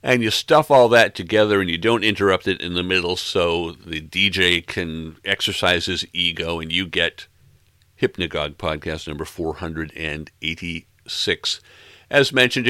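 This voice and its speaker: A middle-aged man hosting a music podcast, casually back-announcing tracks in a relaxed, wry, self-deprecating way. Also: low-pitched, clean tone, no echo, studio quality. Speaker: podcast host.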